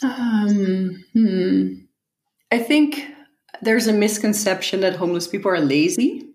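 A woman's voice: medium pitch, slow, darkish tone. A woman answering interview questions thoughtfully, often repeating a word as she gathers her thoughts. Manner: thoughtful, repeats words as she thinks, laughs lightly. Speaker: guest. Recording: echoey room.

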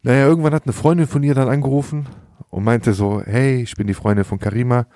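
A man's voice: medium pitch, fairly even intonation, fast, mellow, no room sound. Young man, podcast host, slangy storyteller who laughs a lot, dry close sound. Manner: slangy, laughs often, acts out quoted dialogue. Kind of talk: casual storytelling chat.

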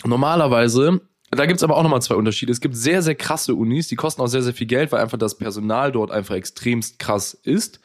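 A man's voice: mid-range voice, fairly quick, hardly any pauses. A young man co-hosting a podcast, chatting casually with teasing remarks and chuckles. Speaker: podcast co-host. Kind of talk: casual chat.

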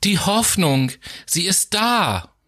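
Man doing a small sorrowful star angel, soft plaintive voice, higher and brighter, storybook reading. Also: very animated, slow, exaggerated voice. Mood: joyful. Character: sad tender little male star angel.

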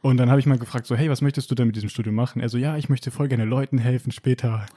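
A young man casually telling a personal story, slangy and animated, acting out what people said and laughing often. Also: medium pitch, racing. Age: young adult. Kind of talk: casual chat.

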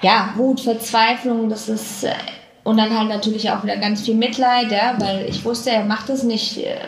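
A woman telling a personal story in conversation, halting and reflective, often searching for words. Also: a little high, steady tone. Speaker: interview guest. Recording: echoey room with faint noise.

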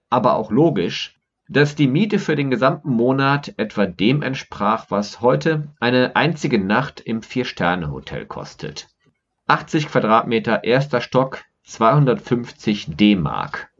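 A man's voice: medium pitch, a bit bright, muffled recording. A man from Germany's Rhineland, a podcaster, reading his own personal essay with wry irony. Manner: wry, ironic storytelling. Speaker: podcaster and blogger. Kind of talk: scripted personal essay narration.

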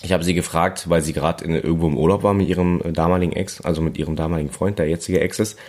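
A young man from Berlin speaks with a strong local accent, his voice very low and his delivery rapid. He hosts a casual podcast beside his partner, trading jokes and teasing. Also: fairly even intonation, darkish tone. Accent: Berlin German. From Berlin, Germany. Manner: joking, teasing, quick banter. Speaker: podcast host, stand-up comedian. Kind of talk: casual couple podcast chat.

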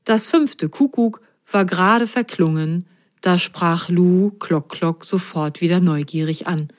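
Woman slowly reading a children's story. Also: lowish voice.

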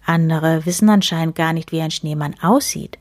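A woman voicing a friendly, magical male snowman spirit in a read-aloud children's story, with a soft, breathy and mysterious way of speaking. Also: deep voice, normal speed, no echo, studio quality, close to an everyday voice. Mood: amused.

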